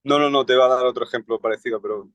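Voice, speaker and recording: A man's voice: mid-range voice, steady tone, rapid-fire, no echo, low-quality recording. A man, a guest in a casual conversation, talking in a reflective way and thinking aloud.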